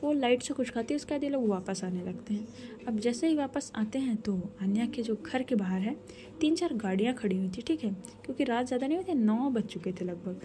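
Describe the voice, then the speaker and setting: A woman's voice: fairly high pitch, lively intonation, a little fast, dark tone, a little hiss or hum. A woman narrating a romance story in a casual, conversational way. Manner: conversational, retelling with fillers.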